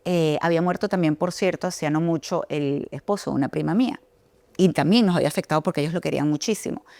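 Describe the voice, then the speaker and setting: Middle-aged woman from Venezuela, interview guest, earnest and reflective storytelling, lowish voice, dry close mic. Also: fast talker, gravelly, warm tone, no echo. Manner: earnest, reflective, many restarts and quoted dialogue. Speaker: interview guest, TV news anchor and author. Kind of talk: emotional personal storytelling.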